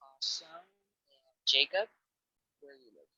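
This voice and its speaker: A woman hosts a call-in dating show, chatty and upbeat, cheering each guest on with a quick "awesome." Her voice is pushed and bright, with no echo, but the audio quality is poor.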